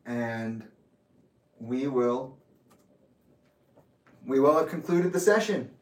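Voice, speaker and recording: A man in his late twenties giving an intense, accusatory personal reflection, speaking deliberately. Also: medium pitch, animated. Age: 20s. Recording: echoey room, distant mic.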